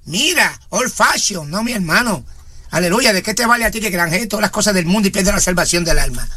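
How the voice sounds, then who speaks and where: A man's voice: high voice, pushed and bright. A man, preaching and praying fervently on a radio ministry program, with frequent interjections of praise. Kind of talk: radio sermon and prayer.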